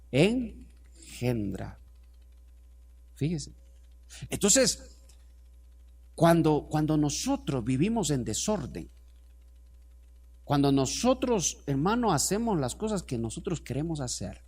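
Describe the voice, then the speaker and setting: A male pastor preaching a sermon to his congregation, asking them to repeat words after him and swinging from quiet asides to loud, urgent passages. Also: mid-range voice, slightly rough. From Ecuador.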